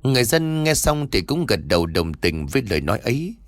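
A man's voice: medium pitch, a little fast, dry recording, clean studio sound. A man narrating a scripted horror story and voicing its characters himself. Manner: lively, voices the characters' dialogue himself.

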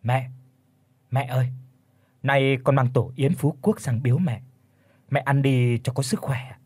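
A man's voice: mid-range voice, fairly even intonation, unhurried, a little mellow, slightly rough, no room sound. A man voicing a greedy grown son, wheedling and snapping at his mother in an audio storybook. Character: greedy grown son, flattering then hostile.

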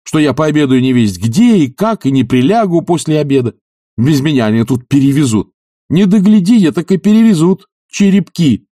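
A man's voice: fairly high pitch, animated, normal speed, dark tone, dry recording, studio quality, voice pushed up. A man voicing an irritable idle nobleman who complains in exasperation. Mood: exasperated. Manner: peevish, exasperated.

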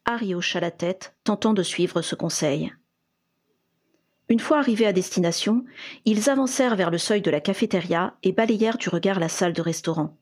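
A woman narrates a fan fiction audiobook at a steady storytelling pace. Her voice has a husky, slightly breathy texture. It sits at an ordinary middle pitch. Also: normal speed. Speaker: audiobook reader.

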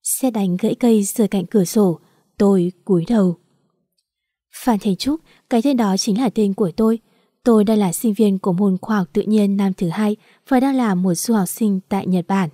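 A woman reading a first-person story aloud as an audiobook narrator, steady and even. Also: medium pitch, normal speed, no room sound, clean studio sound.

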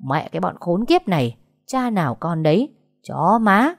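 A woman's voice: low voice, very animated, measured pace, fairly bright tone, dry recording, clean studio sound, faint music behind, heavily acted. A woman voicing a fierce, foul-mouthed young woman who scolds and threatens bluntly in a storybook reading. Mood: furious.

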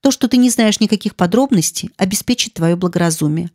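A woman reading the lines of a grave, earnest young English gentleman in an audiobook, in a measured way. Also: mid-range voice, expressive, dry recording, studio quality, close to an everyday voice.

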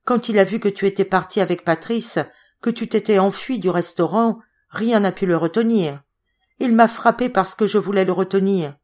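A woman's voice: mid-range voice, normal speed, darkish tone, natural voice. A woman voicing a delirious, wounded young woman who pleads frantically, in an audiobook reading.

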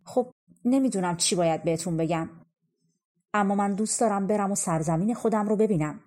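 An earnest, homesick young man from a folk tale, as a woman reads him, eager and afraid of death. The voice sits a little above her narration and stays mellow and breathy. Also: mid-range voice, natural voice.

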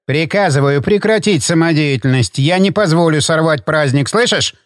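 A man's voice: on the high side, normal speed, dry recording, clean studio sound, natural voice. A man reading an audiobook, voicing a domineering older hotel owner who barks and bullies. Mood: furious. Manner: barking, bullying, shouting.

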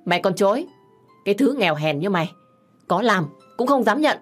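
A bossy, scheming older aunt scolds in a raised, shrill voice in a storybook tale, as a woman narrator puts her on. She talks down to everyone around her. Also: lively intonation, a little fast, faint music behind, natural voice. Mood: scolding. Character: scheming older aunt, domineering and sharp-tongued.

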